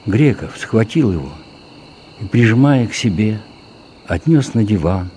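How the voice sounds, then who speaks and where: Deep-voiced man narrating over music. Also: slight background noise. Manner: calm, measured storytelling. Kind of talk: audiobook reading of literary prose. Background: background music.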